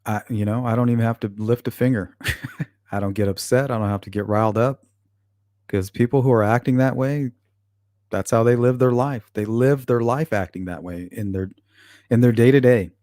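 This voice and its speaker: The channel host, a man with a warm, medium-pitched voice and moderate pace, reads viewer comments during a casual livestream and talks back to chat bluntly, cursing frequently. The recording is dry and studio quality.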